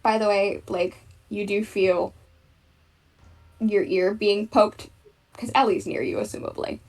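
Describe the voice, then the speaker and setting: A woman narrating a tabletop game as game master, describing scenes with halting fillers. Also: medium pitch, steady tone, darkish tone. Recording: distant mic. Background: faint background music.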